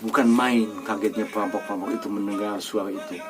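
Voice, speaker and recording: Man, storybook read-aloud, low voice, steady reading, background music. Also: fast.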